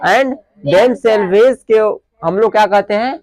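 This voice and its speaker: A man's voice: high-pitched, darkish tone. A male grammar teacher giving a classroom lesson who keeps asking questions and answering them himself, mixing Hindi and English. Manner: dictates definitions slowly word by word.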